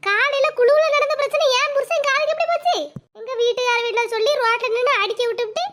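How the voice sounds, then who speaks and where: A woman voicing a quarrelsome, sharp-tongued village wife who wails and curses. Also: very high-pitched, quick pace, very noisy. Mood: wailing curses. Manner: wailing, scolding, cursing. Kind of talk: cartoon voice acting.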